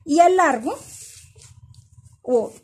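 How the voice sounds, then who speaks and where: A woman's voice: sits high, expressive, drawn-out words. A middle-aged woman teaching a sewing pattern-making class, explaining each step patiently and repeating measurements, and calling her students "my girls". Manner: addresses students warmly as "my girls". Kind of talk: step-by-step instructional lesson.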